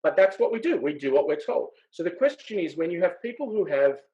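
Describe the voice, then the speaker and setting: A man, making his case in a measured but emphatic way in a casual panel discussion. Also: high-pitched, big pitch swings, warm tone, lo-fi sound. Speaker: podcast panelist.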